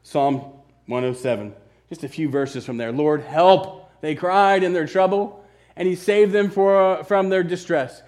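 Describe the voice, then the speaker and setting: A man preaching a sermon, swinging between loud, emphatic bursts and hushed, slow, earnest lines. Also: sits high.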